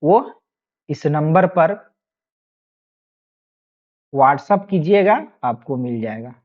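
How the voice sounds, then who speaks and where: A woman teaching an online exam-prep lesson, explaining patiently and repeating each point with quick questions to her students. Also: low voice, lively intonation, lo-fi sound.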